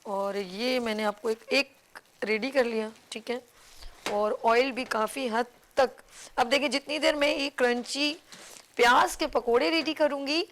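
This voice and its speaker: A woman's voice: on the high side, a little slow, a bit bright, a little hiss or hum. A woman with a Pakistani Urdu accent, hosting a live cooking show and explaining each step to viewers in a chatty, instructive way. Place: TV studio kitchen.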